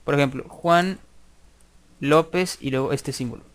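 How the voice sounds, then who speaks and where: A man talks through a coding tutorial, pausing to dictate code as he types. His voice sits a little high and comes across smooth and clear. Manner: thinks aloud while typing, slow dictation of code. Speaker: programming tutor. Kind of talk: screen-recorded coding tutorial.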